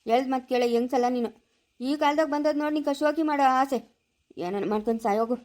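A woman with a Chikkaballapur Kannada accent, acting in a dramatized village family skit, speaking in a sharp, scolding, dismissive way. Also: sits high, fast talker.

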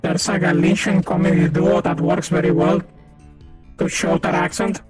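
Streaming a co-op shooter, a man with a high voice and a thick Maracaibo Venezuelan accent chats, laughs often, and keeps calling out enemies. Spanish is his native language, and his intonation stays fairly even at a normal pace. Game music blares behind him.

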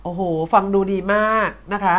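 A woman's voice: normal speed, fairly bright tone. A woman hosting a casual live interview about insurance claims, chatty and playful, teasing her guest and dotting her talk with polite particles. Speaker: host of an insurance case-sharing show. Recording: dull lo-fi sound.

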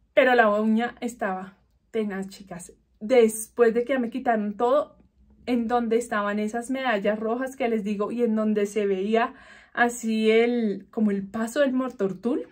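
Animated woman telling a story. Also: fairly high pitch. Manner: animated, dramatic retelling with vivid exaggeration. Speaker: beauty vlogger. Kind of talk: casual storytelling to viewers.

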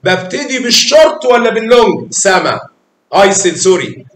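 A man's voice: sing-song, moderate pace, a bit bright. A man with an Egyptian Arabic accent teaching a class of young children, patient and affectionate, coaxing them along with pet names. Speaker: math teacher. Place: echoey classroom. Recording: echoey classroom with faint rumble.

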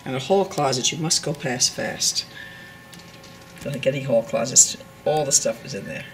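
Indoors at home, an older woman films her dollhouse and gives an unscripted tour, chatting casually, meandering and correcting herself. Her voice is rumbling low at a moderate pace. The recording is rough, with faint music behind her.

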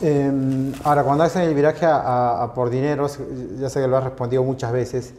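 A man interviews a musician, keeping his questions conversational and measured. His voice is mid-pitched and warm-dark. The room adds a noticeable echo. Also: steady tone. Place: small restaurant with brick walls.

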